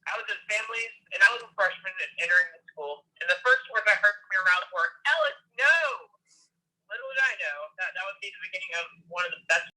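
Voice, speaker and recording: A man's voice: high voice, quick pace, bright, forceful tone. A teenage young man heard over a phone on speakerphone, earnestly reading a prepared tribute from his notes. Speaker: student giving a tribute. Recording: tinny phone call on speakerphone.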